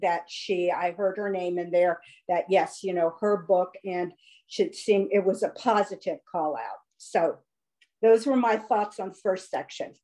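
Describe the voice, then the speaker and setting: A woman's voice: on the low side, a little slow, mellow, low-quality recording. A woman in a casual online book discussion, speaking hesitantly and tentatively. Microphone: video call.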